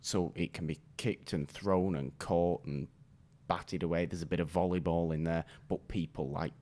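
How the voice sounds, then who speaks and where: Deep British male podcast guest, deadpan and dry. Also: normal speed. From Britain. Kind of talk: casual chat.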